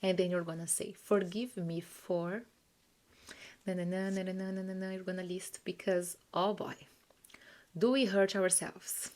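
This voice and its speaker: A woman coach guides listeners through a forgiveness visualization, earnest and encouraging. Her fairly low, level voice moves in slow, soft phrases that sometimes fall to a whisper.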